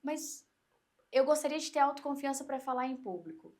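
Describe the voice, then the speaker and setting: A woman coach with a Brazilian Portuguese accent and a high voice explains things animatedly at a normal speed on an interview podcast, acting out inner voices.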